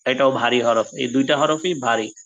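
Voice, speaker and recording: A man's voice: medium pitch, moderate pace, fairly bright tone, dull audio. A man teaching an online Quran lesson for children, stretching out model pronunciations of Arabic letters.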